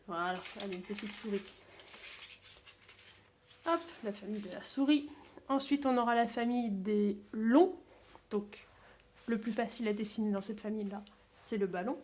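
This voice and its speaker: Gentle woman teacher explaining a game. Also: medium pitch, moderate pace, pauses often. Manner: calm, simple step-by-step explaining. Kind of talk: classroom game explanation video.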